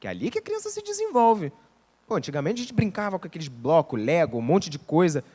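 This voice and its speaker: A man's voice: fairly high pitch, big pitch swings, quick pace, dark tone, slightly rough. A man with a Rio de Janeiro accent giving a conversational lecture, often acting out dialogue. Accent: Rio de Janeiro Portuguese. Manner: conversational, acts out quoted dialogue. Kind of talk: lecture on parenting.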